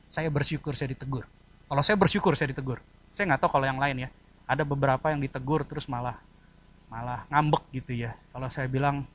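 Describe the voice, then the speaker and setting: A man with a husky, mid-range voice preaches a sermon at a church service. He addresses the congregation directly and acts out short quoted voices.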